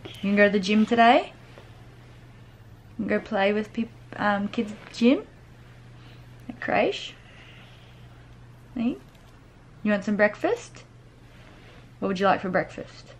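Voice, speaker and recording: A young mother vlogs casually at home, moving between the kitchen and bedroom, and coos to her toddler in sing-song tones. Her medium-pitched voice is a little slow with frequent pauses, and the roomy home audio has music behind it.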